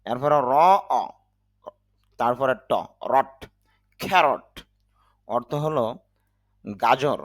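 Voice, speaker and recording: Guy doing an english vocab lesson, slow and careful, spells out each sound, dry close mic. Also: mid-range voice, no echo. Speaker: English teacher.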